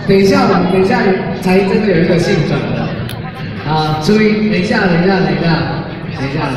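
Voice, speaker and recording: A young male stage host with a high voice banters and teases as he interviews. His voice booms distantly through an echoing hall, over music and crowd noise. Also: lively intonation, a little fast. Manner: teasing, bantering. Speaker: stage host of cosplay event. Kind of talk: playful live interviewing. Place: large auditorium stage. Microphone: handheld mic through PA, far camera.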